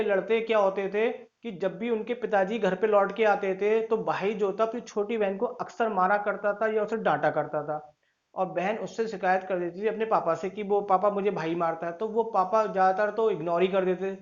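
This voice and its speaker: A man's voice: sits high, lo-fi sound. A man teaching a physics lesson to students, calling them children and explaining with everyday stories. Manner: addresses listeners as children, tells stories to explain. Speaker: tutor. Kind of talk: classroom lecture to students.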